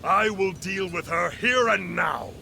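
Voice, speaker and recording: Stern military lord for a game: imperious, higher-pitched, creaky, loud rumbling noise. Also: male voice, heavily acted. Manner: imperious, deliberate, formal. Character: proud, stern male military lord, unforgiving, authoritarian. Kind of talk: dramatic video game acting.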